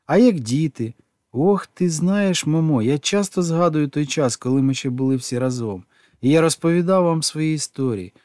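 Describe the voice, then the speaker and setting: An eager, gushing storyteller bursts with question after question, as a man reads him in an audiobook. His voice sits raised and swings lively. The sound is dry and close. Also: fairly high pitch, no echo, voice pushed up, close to an everyday voice. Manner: gushing, rapid stream of questions. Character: excitable warm-hearted famous storyteller man.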